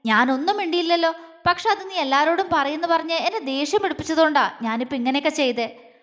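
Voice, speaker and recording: Woman reading a cocky young guy in a storybook, sneering and taunting, high voice, long reverb. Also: fast talker, a bit bright. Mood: mocking. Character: arrogant, mocking young man.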